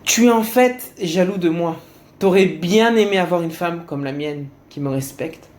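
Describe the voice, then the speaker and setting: A man doing a gentle, humble husband. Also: sits high, normal speed, natural voice. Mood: earnest. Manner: soft, polite, earnest.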